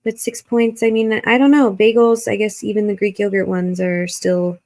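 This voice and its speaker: A woman's voice: medium pitch, little pitch movement, normal speed, a little mellow. A woman hosting a reaction video, giving blunt, critical commentary and swearing freely.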